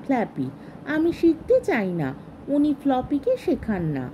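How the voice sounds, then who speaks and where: A woman's voice: high voice, wildly swooping pitch, unhurried, dark tone, slight background noise, exaggerated voice, low-quality recording. A woman reading a story aloud and voicing a sulky, unruly young girl who whines at her lessons.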